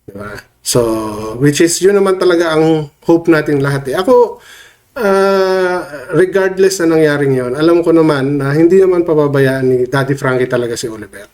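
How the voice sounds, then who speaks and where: A man with a head cold talks to camera for his vlog, his voice a touch off from the sniffles. He keeps the commentary loose and conversational, pausing to check in with his viewers every few phrases. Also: mid-range voice, darkish tone. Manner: chatty, tags lines with questions to viewers. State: has a cold, voice a bit off. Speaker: vlogger commenting on online drama.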